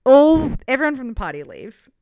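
An Australian woman co-hosting a chatty podcast, spinning a long story with lively energy and plenty of swearing. Her voice sits a little high and sounds smooth and clear. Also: moderate pace, dull audio. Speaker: podcast co-host. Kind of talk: casual chat.

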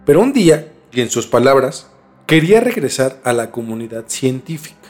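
A very animated man with a Mexican accent hosts a podcast, talking briskly at a medium pitch in a slightly mellow voice. He shifts between scripted narration and slangy, chatty storytelling while music plays in the background.

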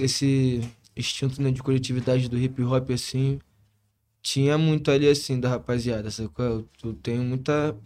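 Fast-talking Rio guy, heavy street slang. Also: mid-range voice, darkish tone. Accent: Rio de Janeiro. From Rio de Janeiro, Brazil. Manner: slangy, constant tag phrases. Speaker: interview guest, hip hop musician.

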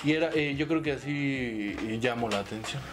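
A man with a Mexican accent co-hosting a casual podcast, teasing and firing off quick, playful questions. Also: medium pitch. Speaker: podcast co-host. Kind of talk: casual crude banter. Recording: music behind. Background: music.

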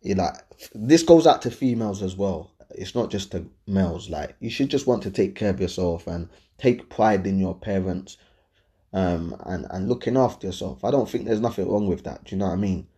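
A London-accented host of dating and lifestyle advice talks to viewers in a low, mellow voice with lively intonation and a moderate pace. His delivery is casual and slangy, full of opinions, and he often checks that his audience is following.

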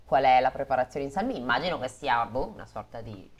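A woman chatting casually and reading a comic story aloud in a playful, animated way. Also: a bass voice, fast talker. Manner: playful, often laughing, animated.

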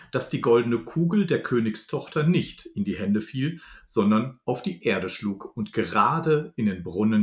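A man's voice: lowish voice, reverberant. A man hosting a story podcast and reading part of a fairy tale.

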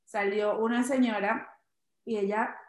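A young woman, a stand-up comedian, telling stories in a casual interview, animated and laughing often as she acts out what people said. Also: medium pitch, unhurried. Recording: echoey room.

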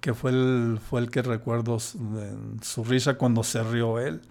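A man's voice: mid-range voice, level tone, a little slow, darkish tone. An older man, a podcast guest telling a personal story in a hesitant way, with many restarts.

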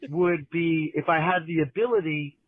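A man's voice: fairly high pitch, normal speed. A man leaving a long, rambling voicemail for a show, heard over a phone line. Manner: rambling, meandering. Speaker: caller. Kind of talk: casual voicemail.

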